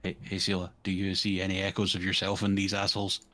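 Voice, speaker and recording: A man's voice: sits low, completely flat delivery, quick pace, pushed and bright. A man streaming a video game with casual, sardonic, sweary commentary.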